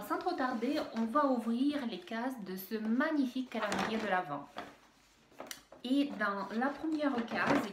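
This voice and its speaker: Here a woman's fairly high voice carries a Russian accent as she casually talks through a beauty unboxing video, stumbling with fillers and restarts. There's room echo and a slight bit of background noise.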